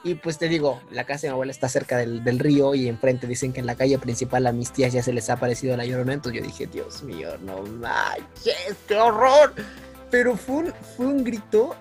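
A young man, telling a story in casual chat, animated, with frequent laughs and restarts. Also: mid-range voice. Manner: animated, laughs often, many fillers and restarts.

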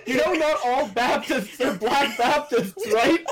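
A man chatting on a stream over voice chat, stammering a little and firing back quick retorts. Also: very high voice, lively intonation, over a noisy crowd. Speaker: stream guest friend. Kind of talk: casual stream banter.

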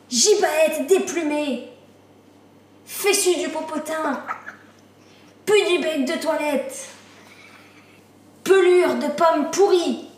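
A woman's voice: sits high, a little mellow, distant mic. A woman voicing a nasty old witch who taunts a boy with silly insults in a sing-song, mocking way. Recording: roomy echo.

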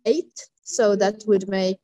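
A woman's voice: mid-range voice, steady tone, slow, dark tone, no room sound. A woman in her twenties from Finland, introducing herself on a panel. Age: 20s. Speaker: scout panelist.

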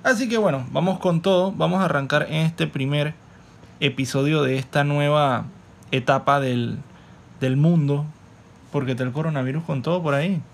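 A man's voice: a little high, normal speed, creaky. A man with a Panamanian Spanish accent hosting a podcast in a casual, playful, slangy way. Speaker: podcast host; stand-up comedian.

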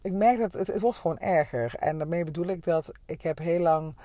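Woman, middle-aged, slightly hoarse, chatty podcast talk, dry close sound. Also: on the low side, a little fast, warm tone, dry recording. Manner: chatty, many filler sounds. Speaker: podcast host. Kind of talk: casual solo podcast monologue. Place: parked car.

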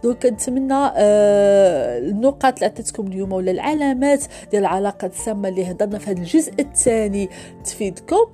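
A woman's voice: lively intonation, fast, mellow, soft background music. A woman with a Moroccan Arabic accent hosting an advice podcast on relationships, mixing French phrases in and acting out quoted speech. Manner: acts out quoted speech with rising pitch. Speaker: podcast host.

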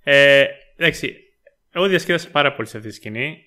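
A man with a Greek accent co-hosting a podcast, talking through his views with many pauses and fillers. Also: mid-range voice, expressive, bright, forceful tone. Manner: hesitant, many fillers while reasoning. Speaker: podcast co-host. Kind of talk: casual film discussion.

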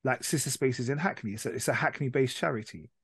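A man's voice: mid-range voice, fast, breathy edge, no echo. A man hosting a podcast discussion, insistent and pressing his point. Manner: insistent, keeps cutting back in.

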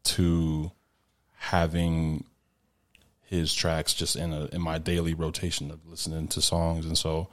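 Very deep-voiced man, earnest talk. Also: monotone. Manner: earnest, halting with restarts. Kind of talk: casual interview chat.

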